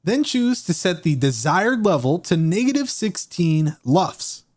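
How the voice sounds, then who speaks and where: Man, tutorial presenter, high voice, animated pitch, clear step-by-step delivery. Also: measured pace. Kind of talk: screen-recorded software tutorial.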